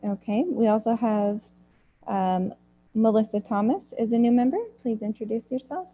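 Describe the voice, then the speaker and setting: Woman facilitator, polite and brisk, higher pitch, dull lo-fi audio. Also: warm tone. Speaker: meeting facilitator. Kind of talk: introducing members at a meeting.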